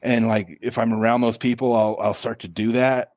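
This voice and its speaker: A man's voice: medium pitch, level tone, a little mellow, no echo, highs cut off. A man, a podcast guest, answering interview questions casually, often stopping and restarting his words. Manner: halting, with many restarts and repeated words.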